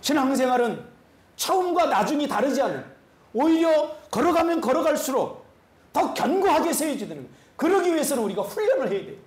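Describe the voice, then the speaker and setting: High-pitched, lively male pastor preaching. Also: a little fast, reverberant. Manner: animated preaching with rhetorical questions. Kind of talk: sermon. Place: church sanctuary.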